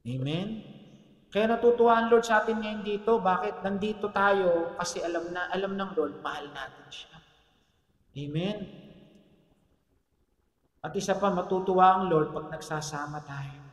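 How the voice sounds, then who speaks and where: A man with a high voice preaches to a church congregation, telling stories and calling out for amens. His voice rings through a large hall with a long reverb tail. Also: moderate pace, long pauses. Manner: storytelling preacher, asks the congregation for amens, jokes. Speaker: pastor. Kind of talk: sermon.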